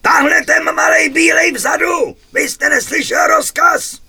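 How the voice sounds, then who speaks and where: A man voicing a bellowing army commanding officer who shouts orders at his troops. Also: very high-pitched, fairly even intonation, gravelly, pitched above the performer's own voice, full character voice.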